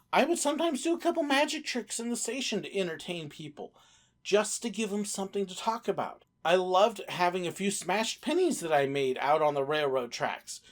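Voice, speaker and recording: Woman telling casual, animated anecdotes. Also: medium pitch. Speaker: former theme park entertainer.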